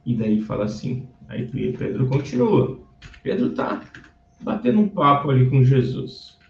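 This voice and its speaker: Man teaching English, slow and patient drills, roomy and dull recording from a distance. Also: medium pitch, very animated, vocal fry, a little hiss or hum. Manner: patient, slow drilling, repeating words for practice. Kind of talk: bilingual teaching of English through Bible stories.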